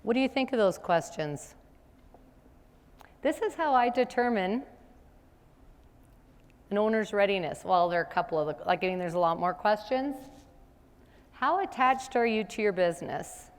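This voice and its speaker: A woman's voice: medium pitch, animated, normal speed, long pauses, clear, resonant tone. A middle-aged woman presenting a business seminar in a conversational way, often asking the audience rhetorical questions. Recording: long hall reverb.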